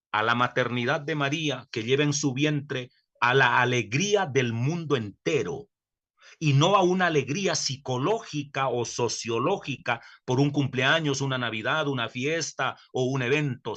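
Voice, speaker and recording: A middle-aged man lectures on theology with a bright, forceful tone at an ordinary pitch for a man. He is earnest and emphatic and drags out key words for stress. Now and then he stops to correct himself. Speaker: theology professor. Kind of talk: recorded online lecture.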